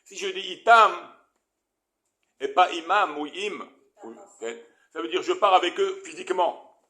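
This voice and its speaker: A rabbi teaches Torah with animation, explaining Hebrew terms and posing questions to his listeners. His bright, forceful voice is slightly high for a man, and he speaks a bit slowly.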